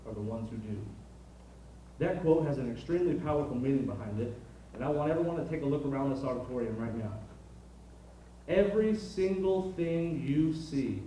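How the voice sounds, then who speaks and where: A man's voice: medium pitch, mellow. A young man giving a prepared motivational speech as a student leader to an audience in a large auditorium. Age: young adult. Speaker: student body president addressing freshmen. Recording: very echoey hall, distant, faint noise.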